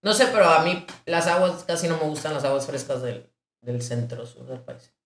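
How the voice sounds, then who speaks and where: A young woman from Mexico, hosting a casual chat and telling slangy, animated stories. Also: sits low, normal speed, creaky, echoey room. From northern Mexico. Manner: slangy, expressive storyteller. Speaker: podcast host.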